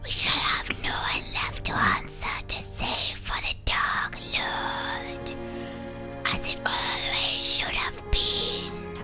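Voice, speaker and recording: A woman voicing a sinister undead ghost in a breathy whispered ghost voice while reading out a game. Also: takes it slowly, music in the background, close to an everyday voice. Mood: menacing. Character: sinister undead oathbreaker ghost, servant of the Dark Lord. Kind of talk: character voice in a game read-aloud.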